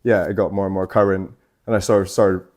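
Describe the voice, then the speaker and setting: A man's voice: low voice, level tone, quick pace, a little mellow. A young man from Scotland, a guest artist in a tattoo shop, chatting casually in a loose, rambling way full of fillers and swearing. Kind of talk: casual chat.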